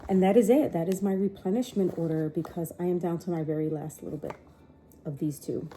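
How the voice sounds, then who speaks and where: A woman's voice: on the low side, brisk, dark tone, faint music behind, low-quality recording. A middle-aged woman with a cold, chatting upbeat and straight to camera in a casual vlog. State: sniffly with a cold. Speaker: lifestyle vlogger.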